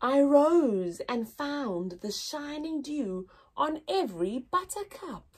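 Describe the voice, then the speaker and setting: Slow and high-voiced, a teacher reads aloud at story time for young children. The breathy delivery is sing-song and expressive, and she plays up a sense of wonder.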